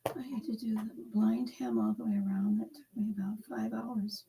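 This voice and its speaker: The host's mother, a woman talking quietly in the background about her sewing. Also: medium pitch, steady tone, moderate pace, vocal fry.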